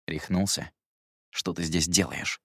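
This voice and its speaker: A man voicing Jerome, brusque hushed young man. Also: normal speed, slightly rough, no room sound, studio quality. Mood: gruff, hushed. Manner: low, clipped and insulting.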